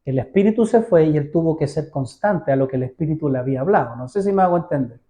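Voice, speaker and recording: Preaching in a church, this male pastor has a slightly high, expressive, dark-toned voice and talks fast. His style is conversational: he poses question after question to the congregation and voices the characters in his stories.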